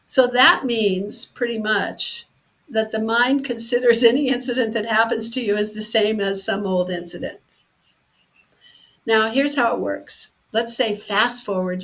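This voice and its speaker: A woman's voice: mid-range voice, poor audio. A woman giving a personal development talk, explaining ideas through vivid second-person stories. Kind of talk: teaching talk with storytelling examples.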